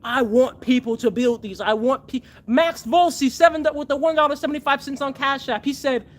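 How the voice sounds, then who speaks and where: A man who builds machines hosts a casual livestream, earnestly thanking donors by name and rallying his viewers with fervor. His voice is very high and his pace brisk.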